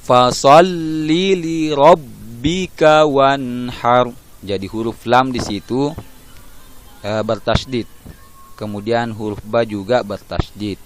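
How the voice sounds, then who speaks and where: A man teaching young children a religion lesson, patiently explaining step by step and chanting verses in a drawn-out reciting tone. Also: on the low side, a little hiss or hum.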